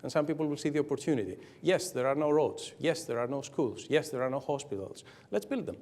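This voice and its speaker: A man speaking on a business conference panel, halting and repeating words, building up to rallying lists. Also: mid-range voice, animated, darkish tone. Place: hotel conference room.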